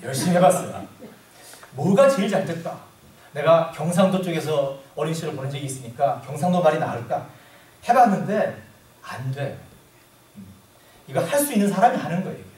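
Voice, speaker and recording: A man preaching a sermon as pastor, reading scripture slowly and emphatically, with casual asides to the congregation. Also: fairly high pitch, lively intonation, darkish tone, echoey room, distant mic. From South Korea.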